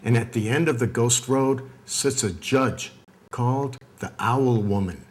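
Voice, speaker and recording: Man narrating a documentary, measured. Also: medium pitch. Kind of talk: scripted narration.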